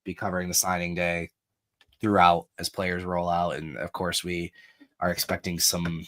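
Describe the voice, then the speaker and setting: A chatty podcast host with a fairly low male voice. He rambles through sports analysis in a relaxed, self-deprecating way and slips into promo plugs. The sound is dry and close, with no room around it. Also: normal speed, dry recording. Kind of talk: casual sports podcast chat.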